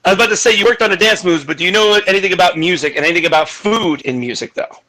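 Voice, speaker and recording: A man hosting a casual video-call chat, telling stories loudly and excitedly. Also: sits high, racing. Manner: loud, excitable storyteller. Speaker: host.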